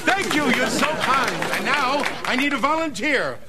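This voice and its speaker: A man's voice: very high-pitched, animated, moderate pace, a loud crowd. An actor playing a bumbling, eager old magician in a sitcom, with theatrical showman's patter. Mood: showy. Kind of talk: sitcom acting. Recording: noisy studio audience ambience.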